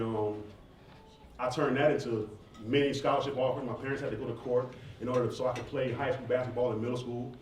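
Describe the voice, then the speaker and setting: A rapper and stage performer in his thirties answers audience questions from students in an informal Q&A, conversational and emphatic. His voice is medium-pitched with a darkish tone. The roomy indoor campus event space makes it echoey, with a distant mic and faint noise.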